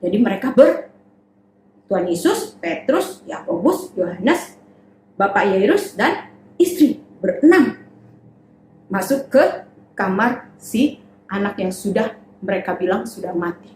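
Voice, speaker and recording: A woman telling a Bible story to children at Sunday school, acting out the characters with shouted and tearful voices. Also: medium pitch, very animated, measured pace, pauses often. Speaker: children's church teacher. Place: church hall. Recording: echoey hall with faint background noise.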